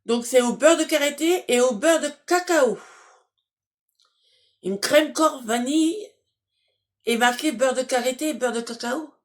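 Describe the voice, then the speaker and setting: A beauty box unboxing vlogger with a high-pitched voice chats casually with her viewers, speaking a little slowly and pausing often. She's hesitant, full of fillers and restarts, and laughs at herself.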